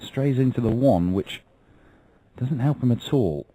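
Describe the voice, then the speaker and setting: A man's voice: medium pitch, animated, a little slow, crowd noise. A man giving live darts commentary, calling the play in punchy, reactive phrases.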